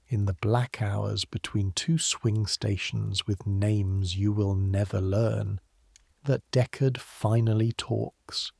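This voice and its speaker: A man calmly narrating a scripted history story for sleep, addressing the listener in measured second person. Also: on the low side, vocal fry, breathy edge, no echo, clean studio sound.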